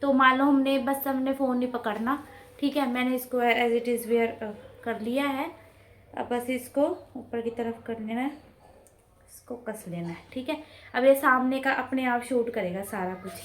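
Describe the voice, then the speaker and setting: Woman vlogger, high voice, chatty and rambling, at home, clip-on mic close up. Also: steady tone, unhurried. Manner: chatty, rambling, talks with her face. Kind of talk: casual vlog chat. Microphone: clip-on mic close to mouth.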